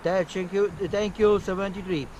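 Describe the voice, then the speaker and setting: A man's voice: sits high, steady tone, normal speed, muffled recording. A man operating amateur radio outdoors, reading call signs in the phonetic alphabet with clipped procedural phrasing. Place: outdoors on open moorland. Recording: loud wind noise outdoors.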